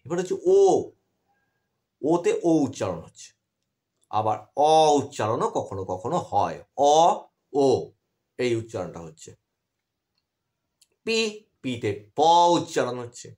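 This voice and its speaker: A man's voice: medium pitch, very animated, a little slow, long pauses, a little mellow. A man teaching English grammar in an online class, explaining patiently and asking his students questions as he goes.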